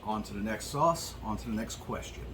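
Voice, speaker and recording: A man's voice: lowish voice, lively intonation, normal speed. A man chatting casually and candidly to viewers, swearing freely, his mouth burning from spicy food as he tastes hot sauces and answers questions. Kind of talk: casual solo chat to viewers. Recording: clearly noisy background.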